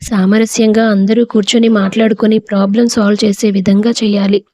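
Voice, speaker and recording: A woman voicing a spirited, stubborn young bride in a storybook reading, sharp-tongued and earnest. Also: medium pitch, little pitch movement, a little fast, no echo, natural voice.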